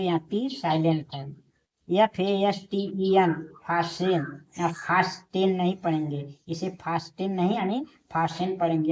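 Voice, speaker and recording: A woman's voice: on the low side, warm tone, low-quality recording. A woman teaching a lesson, spelling each word letter by letter and saying it again and again. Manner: spells words out letter by letter, slowly; repeats each word many times. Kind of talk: classroom lesson.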